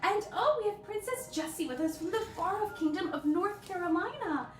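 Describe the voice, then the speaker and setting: A woman's voice: very high-pitched, animated, a little fast, recorded from a distance. A woman playing a sweet, cheerful young princess, hosting a live story-time and greeting children in a gushing, sing-song way with little delighted gasps. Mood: sweet, welcoming. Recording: echoey room, away from the mic, faint music.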